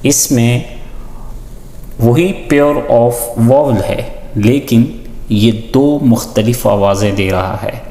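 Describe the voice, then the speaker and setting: A man teaching a lesson with on-screen examples, deliberately listing and repeating example words. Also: medium pitch, dark tone. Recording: echoey, reverberant room.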